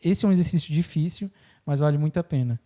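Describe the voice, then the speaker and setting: A man hosting a podcast, explaining things in casual talk and acting out the people he quotes in lively voices. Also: fairly high pitch. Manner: animated, acts out quoted people in quick voices. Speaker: podcast host.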